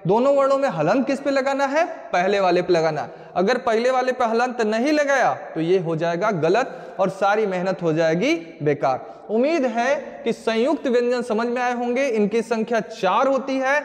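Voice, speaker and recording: Male teacher, high-pitched, emphatic drilling, exam-coaching lesson, echoey room. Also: lively intonation, moderate pace, hardly any pauses. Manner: emphatic, repeats key points, drills students with questions. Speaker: Hindi grammar teacher.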